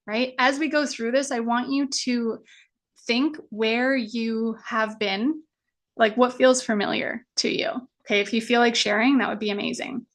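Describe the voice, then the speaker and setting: A woman's voice: a little high, steady tone, measured pace. A woman business coach teaching a live online masterclass in a casual, chatty way, full of fillers and the odd swear word. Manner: acts out anxious inner voices.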